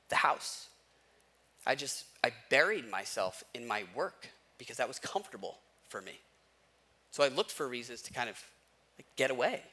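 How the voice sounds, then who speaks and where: With a bright, forceful, medium-pitched voice, an American man in his thirties delivers a conversational sermon, sharing personal stories in everyday slang and posing rhetorical questions.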